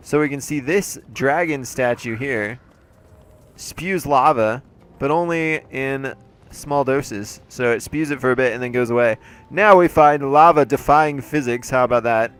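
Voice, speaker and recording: At a measured pace, a let's play host delivers lighthearted, talkative gameplay commentary with jokey asides, his mid-range voice a bit bright, clear, and resonant. A slight congestion and a somewhat off throat come through.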